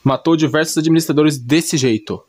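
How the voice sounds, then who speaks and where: A Brazilian man with a slightly high, somewhat mellow voice casually recaps an anime story at a normal speed, clearly without a script. Like an informal storyteller talking off the top of his head, he rambles in slangy speech and keeps correcting himself.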